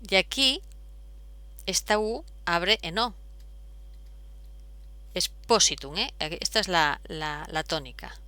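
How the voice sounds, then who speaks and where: A woman's voice: on the low side, takes it slowly, pauses often, sharp tone, no echo. A woman, explaining step by step as a teacher, patient, with frequent fillers. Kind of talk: explaining at a whiteboard.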